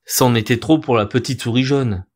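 A man narrating a folk tale in an expressive, theatrical storytelling manner. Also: medium pitch, moderate pace.

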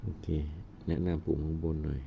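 A man casually reviewing a gadget, talking haltingly as he presses buttons and explains each one. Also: rumbling low, vocal fry. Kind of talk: casual hands-on product demo. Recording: dull lo-fi audio with steady background noise.

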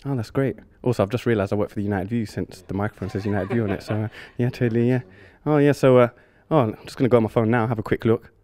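A man's voice: lowish voice, very fast, hardly any pauses, close to an everyday voice. A man playing a dry, mocking male TV sports reporter in a spoof post-match interview. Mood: deadpan. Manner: deadpan mock interview questions.

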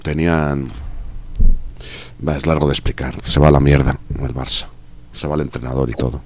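A man's voice: extremely low pitch, steady tone, normal speed, darkish tone. A man with a Spain Spanish accent, chatting and joking casually while gaming on a stream. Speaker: streamer and host.

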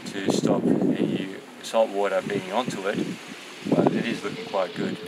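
A man's voice: deep voice, little pitch movement, a little slow, very noisy. A man in his forties on a sailboat deck, explaining a maintenance job in a matter-of-fact way. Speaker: sailing vlogger. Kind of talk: casual vlog narration.

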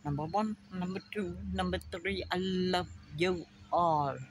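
Her tone stays steady and her voice lowish as this older woman with a German accent muses slowly to her phone camera, held at arm's length outdoors by a backyard fence. The vlogger drifts between thoughts in a rambling personal monologue, with crickets and insects behind her and a little hiss or hum on the recording.

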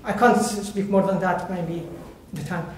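An Iraqi man with a high-pitched voice and an Iraqi Arabic accent speaks haltingly, searching for words in non-native English, as he gives personal testimony. He is a volunteer guest speaker at a lectern before a seated audience in a bright indoor hall. The recording carries heavy echo and faint background noise.

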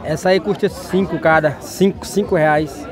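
A man selling at an open-air market stall, talking in a higher-pitched voice. He talks up his cheap prices to the camera. Loud crowd noise fills the background. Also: fairly even intonation, normal speed. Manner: sales pitch, boastful about cheap prices. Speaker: market vendor. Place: outdoor street market. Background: market crowd chatter.

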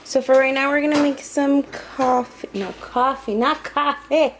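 A woman's voice: high voice, fairly even intonation, unhurried, noisy background. A woman talking casually through her meal prep in a home kitchen, chatty and a little hesitant, often correcting herself. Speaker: vlogger.

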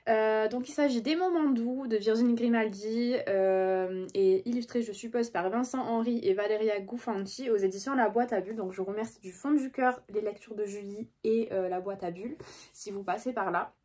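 A woman's voice: on the high side, moderate pace, dark tone. A young woman chatting casually about her book purchases, hesitant and full of fillers. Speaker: book vlogger. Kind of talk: casual book haul chat.

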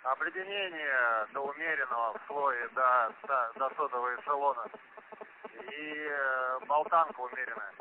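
A man's voice: mid-range voice, moderate pace, pauses often. A man working as an airline pilot, reading back instructions with his call sign in clipped radio phraseology over a cockpit radio transmission. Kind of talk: air traffic radio exchange. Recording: tinny radio channel with faint static.

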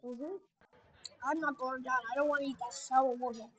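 A woman's voice: high voice, steady tone, normal speed. A woman casually chatting and reacting to funny videos on an online call.

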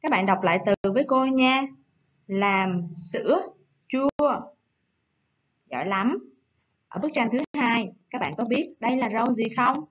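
A woman teacher giving a recorded lesson to young children, coaxing and gentle, slowing down to read words aloud. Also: on the high side, slightly rough, lo-fi sound. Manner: gentle, coaxing, slow syllable-by-syllable dictation. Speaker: primary school teacher.

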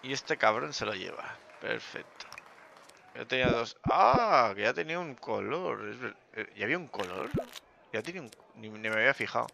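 A man giving joking, self-mocking commentary over a poker game, with bursts of loud excitement. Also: medium pitch, normal speed, creaky, dull audio, slight background noise. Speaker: gaming youtuber.

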